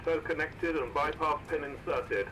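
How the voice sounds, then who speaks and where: A man voicing a businesslike airport pushback crewman in a flight simulator, with brisk procedural callouts. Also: on the high side, over music, natural voice, low-quality recording. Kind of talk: scripted simulator ground crew callouts.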